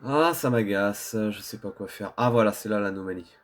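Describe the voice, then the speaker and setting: A man's voice: on the low side, moderate pace, faint music behind. A man giving casual gameplay commentary, thinking aloud in colloquial language as he plays. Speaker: video game streamer.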